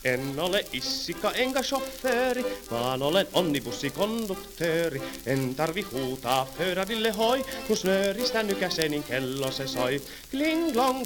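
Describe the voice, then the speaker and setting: A man playing a bossy old-time tram conductor. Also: sits high. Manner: sings, then scolds passengers in quick patter. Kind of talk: 1930s comic song with spoken patter. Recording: old archive record with music.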